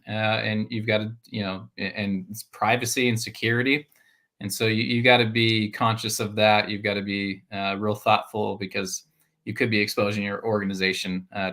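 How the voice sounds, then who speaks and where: A man's voice: lowish voice, pushed and bright. A man co-hosting a live workplace talk show, chatty and teasing, with frequent laughs. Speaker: podcast co-host. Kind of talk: casual live show chat.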